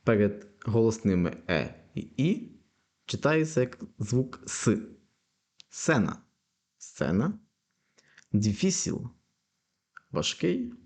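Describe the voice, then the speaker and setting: A young man teaching a language lesson, patiently explaining and slowly repeating example words. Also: medium pitch, very animated, darkish tone.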